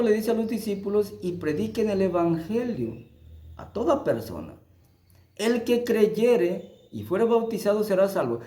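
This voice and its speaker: Emphatic preacher man, echoey room. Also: mellow. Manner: emphatic, rising for scripture and dropping low to stress points. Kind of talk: sermon-style Bible teaching.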